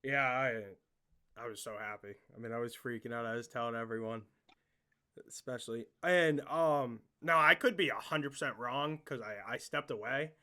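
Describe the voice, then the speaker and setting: A man hosting a casual interview podcast, excitable and joking, swearing often as he asks questions. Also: mid-range voice, moderate pace.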